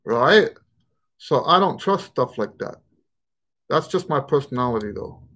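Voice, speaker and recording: A middle-aged trumpet teacher answers questions during a casual live stream from his living room, using a webcam at desk distance. His mid-range, fairly bright voice has lively intonation and a measured pace. He rambles, frequently restarting sentences and stammering repeats.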